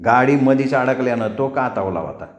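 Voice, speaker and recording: A man telling a folk tale in a brisk, earthy manner. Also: mid-range voice, lively intonation. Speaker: storyteller. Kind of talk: spoken rural folk tale. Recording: echoey room.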